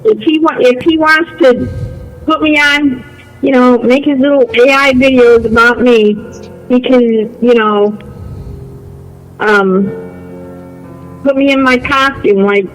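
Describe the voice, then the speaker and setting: A man's voice: very high-pitched, fairly even intonation, unhurried, soft background music, poor audio. A man chatting casually on a call-in, insistent and defensive, often repeating himself. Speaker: online video creator.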